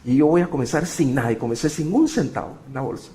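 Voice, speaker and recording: A middle-aged man preaching a sermon, telling a personal story with sudden swings between loud emphasis and hushed passages. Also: medium pitch, fast. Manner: animated, shifting sharply between loud emphasis and quiet. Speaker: pastor.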